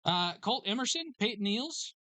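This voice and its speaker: Card names and numbers come out in a quick, businesslike roll call as this host works a live break inside a sports card shop. The voice sits at a medium pitch and comes across bright and up front. It's captured close and dry, with no echo at all.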